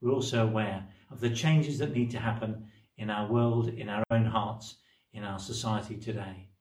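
A man's voice: on the low side, steady tone, moderate pace, a little mellow. A man giving a solemn, prayerful recorded blessing as a bishop, his voice carried by a roomy cathedral echo. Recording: roomy echo, distant mic.

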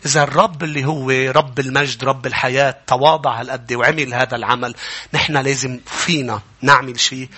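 A man with a Lebanese Arabic accent preaching a sermon as pastor, moving from calm teaching to a fervent call to the congregation. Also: medium pitch, brisk, breathy edge. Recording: music playing behind the voice.

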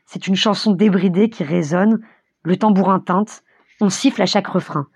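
A woman narrating a novel aloud as an audiobook, with vivid, expressive storytelling and a husky voice. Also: medium pitch, moderate pace, no room sound.

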